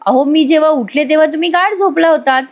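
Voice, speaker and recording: A woman's voice: high voice, fast talker, voice pushed up. A woman voicing a caring young wife who questions her husband earnestly.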